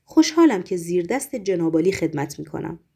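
A woman voicing a calm, deferential male secret-police chief who speaks quietly and courteously. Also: lowish voice, vocal fry, husky, heavily acted.

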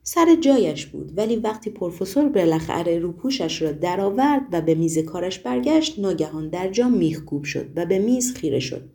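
A woman narrating a novel aloud in a measured, even reading style. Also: lowish voice, vocal fry. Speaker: audiobook narrator. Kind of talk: storybook narration.

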